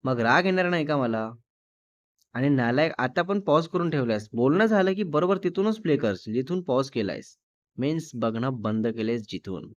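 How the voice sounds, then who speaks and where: A man's voice: mid-range voice, expressive, no echo, muffled recording, natural voice. A man voicing a fiery, demanding young woman who scolds her fiancé. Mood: annoyed. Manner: scolding, quick to anger.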